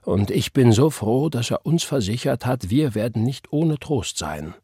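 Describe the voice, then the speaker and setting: A man's voice: medium pitch, animated, unhurried, warm tone, husky, no room sound, clean studio sound, voice pushed up. A man voicing an old, devout church mother who exclaims praise.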